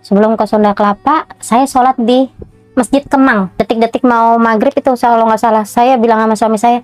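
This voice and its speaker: A woman's voice: on the high side, a little fast, no echo, faint music behind. A woman giving an emotional personal testimony, acting out the dialogue of others as she tells her story. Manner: animated retelling with acted dialogue.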